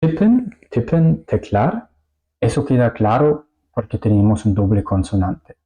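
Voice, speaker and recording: A man's voice: mid-range voice, mellow, low-quality recording. A German man teaching a language lesson in Spanish, with small slips, repeating example words carefully and often checking with "ok?".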